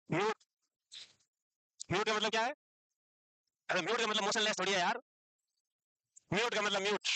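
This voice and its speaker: A man teaching psychiatry to a class, brisk and scolding, calling his students "beta" and mixing English medical terms into his Hindi. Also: sits high, bright, forceful tone, no echo. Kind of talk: classroom lecture.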